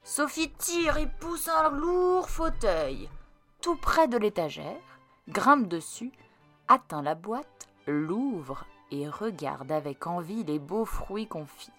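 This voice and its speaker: A woman reading a children's storybook aloud in an expressive way, turning hushed at tense moments. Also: medium pitch, takes it slowly, soft background music. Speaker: storybook reader.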